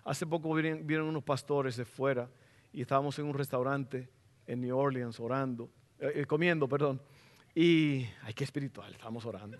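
A middle-aged man preaching a sermon as pastor in a church, fervent and rising to loud exclamations. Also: mid-range voice, fairly even intonation, moderate pace. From Latin America.

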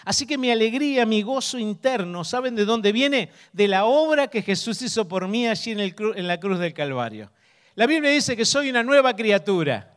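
A man preaching a sermon, asking the congregation questions and slowing down to stress key words. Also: high-pitched, expressive, fairly bright tone, clear, resonant tone, in a large hall. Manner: asks the congregation questions, emphatic slow stresses.

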